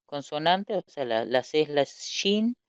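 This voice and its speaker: A man teaches in a smooth, clear voice, walking through each point patiently and posing questions before answering them. The recording is dry and a little muffled. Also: a little high, sing-song, unhurried, dry recording. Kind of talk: recorded language lesson.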